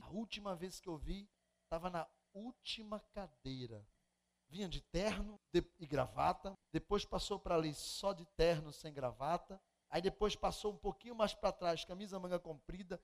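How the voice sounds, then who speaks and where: A Brazilian man preaching a sermon as pastor, animated, with sudden loud outbursts. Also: high voice. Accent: Brazilian Portuguese. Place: church.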